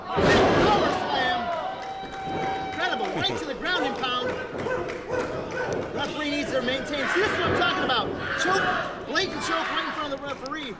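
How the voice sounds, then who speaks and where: A man giving brash, animated colour commentary as a guest at a live wrestling match. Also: extremely high pitch, a little fast. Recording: distant mic in noisy crowd.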